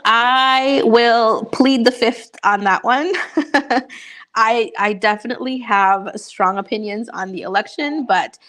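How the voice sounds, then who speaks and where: A woman's voice: on the high side, slow, fairly bright tone. A young woman from Honduras, a YouTuber casually chatting with viewers and answering their questions, upbeat and full of fillers. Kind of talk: casual livestream chat.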